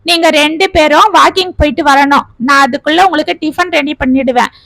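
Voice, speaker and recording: A woman's voice: high voice, a little fast, creaky, fairly bright tone, no room sound. A woman voicing a tearful young wife who pleads with her family. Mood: bossy.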